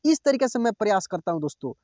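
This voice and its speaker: A man's voice: high voice, sing-song, fast, a little mellow, no room sound, studio quality. A man teaching as a tutor, reciting syllables one by one and often addressing his listeners as friends. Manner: drills syllables aloud, frequent "friends" and "okay" asides. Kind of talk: slow syllable recitation lesson.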